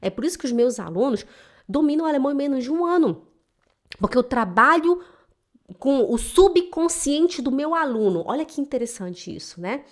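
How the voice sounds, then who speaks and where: A woman with a voice pitched a little high speaks directly to her viewers. She is a German teacher, and she talks in an emotional, emphatic way in a motivational home vlog. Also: sing-song, normal speed. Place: home in Switzerland.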